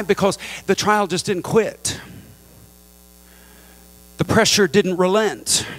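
A middle-aged male pastor preaching a Pentecostal sermon into a handheld mic, swinging from low, measured talk to high, fervent appeals and calling on the congregation to respond. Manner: asks the crowd for response. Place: large church sanctuary with a congregation. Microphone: handheld microphone.

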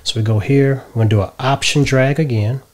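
A middle-aged man explaining a software tutorial step by step from a home office, often checking in with "right?". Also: medium pitch, fairly quick. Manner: relaxed step-by-step explaining, tags lines with "right?". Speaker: tutorial host. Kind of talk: screen-share software tutorial.

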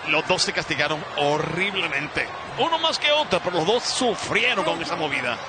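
A man giving wrestling color commentary, emphatic, excitedly repeating his phrases as he reacts. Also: a little high, normal speed. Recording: loud arena crowd and background noise. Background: roaring wrestling crowd.

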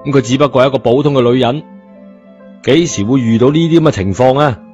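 A man's voice: medium pitch, fast, darkish tone. A man with a Cantonese accent narrating a scripted story in a colloquial style, as an audiobook reader. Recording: muffled narration over music bed.

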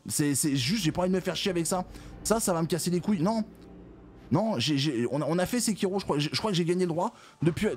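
A man's voice: on the high side, darkish tone. A man giving frustrated gameplay commentary, groaning and swearing as he complains. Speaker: let's play gamer.

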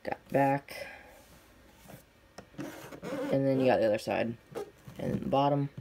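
Here a diecast collector, a young man, reviews on camera with a creaky, mid-range voice and a slightly slow pace. Sitting indoors at a tabletop display, he offers casual unboxing commentary in short, clipped, unscripted phrases. The home recording is noisy, with clicks.

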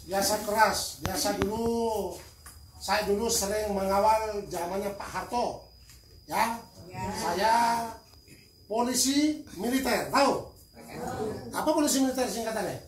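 An older man from Madura speaking loudly and forcefully to a crowd at a charity event, joking with the audience. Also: sits high, a little slow, long pauses. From Madura, Indonesia. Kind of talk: addressing a crowd. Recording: echoey, distant mic with crowd noise.

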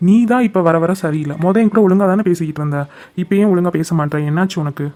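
A man's voice: high voice, quick pace, warm tone, lightly acted. A man voicing a young cartoon lover who keeps pressing the girl he loves for an answer, insistent and coaxing, with music faintly behind. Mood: arguing. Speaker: cartoon character. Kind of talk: cartoon voice acting.

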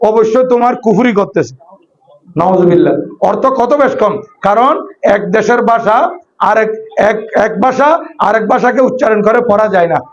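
A man with a Chittagonian Bengali accent giving an emphatic, explanatory sermon with recited Arabic phrases. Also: very high voice. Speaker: Islamic scholar and preacher. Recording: dull lo-fi sermon recording.

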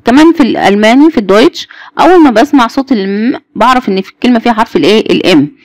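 A woman with an Egyptian Arabic accent walks a class through German letters at a brisk clip. Her voice has a gravelly, fry-tinged edge, recorded dry and close. She repeats each sound and keeps asking the students questions. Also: fairly high pitch, animated, no echo. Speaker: German teacher. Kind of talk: Egyptian Arabic alphabet lesson.

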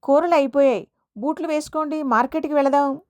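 Woman playing an irritated young wife, sharp questions, high voice, dry close sound, audio story. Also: expressive, dry recording. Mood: hurried. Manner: exasperated, rapid questioning.

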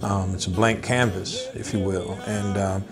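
Thoughtful middle-aged man, lowish voice. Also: fairly even intonation. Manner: thoughtful, unhurried, many filler pauses. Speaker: blues musician interviewee. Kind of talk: relaxed interview talk. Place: indoors, wood-paneled room, seated at a table. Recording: interview with guitar music mixed underneath.

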